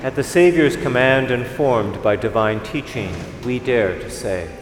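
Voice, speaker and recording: A priest intones the prayers of the Mass in a solemn, steady voice of middling pitch. His words ring out with a long cathedral echo that hangs in the large church, and a faint hiss sits beneath the recording. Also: a little slow. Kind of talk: liturgical prayer recitation.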